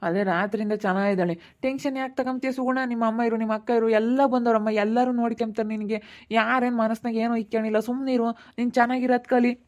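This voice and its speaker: A woman voicing a calm female relative who quickly reassures the family and urges courage, with a rural Chitradurga Kannada accent. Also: fairly high pitch, natural voice. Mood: reassuring.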